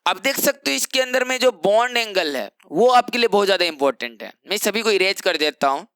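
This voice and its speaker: A man's voice: high voice, big pitch swings, a little fast, fairly bright tone, smooth, no room sound. A young man teaching chemistry in an exam-prep lecture, explaining step by step and asking rhetorical questions that he answers himself.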